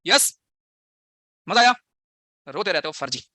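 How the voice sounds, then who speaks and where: A man's voice: high voice, very animated, a little slow, sharp tone, dry recording. A slightly unwell man teaching a physics class online, firing rhetorical questions at his students and mixing English into his talk.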